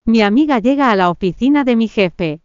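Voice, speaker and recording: A woman narrating a first-person story in a steady reading voice, acting out the dialogue. Her voice is smooth and clear, recorded close and dry, with a slightly muffled sound. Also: a little high, a little fast, dry recording.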